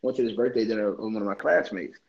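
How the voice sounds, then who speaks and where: A man's voice: on the low side, fast talker, creaky. Man in his 20s, podcast co-host, easygoing teasing delivery, dull lo-fi recording. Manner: joking, teasing, laid-back. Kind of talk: casual chat.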